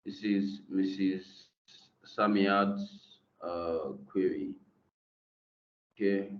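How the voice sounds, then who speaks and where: A man's voice: low-pitched, fairly even intonation, very slow. A man teaching an online class, talking hesitantly with many fillers, heard through a screen-recorded video call. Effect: screen-recorded video call audio. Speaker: instructor. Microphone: computer mic on a video call. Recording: dull, echoey video-call audio.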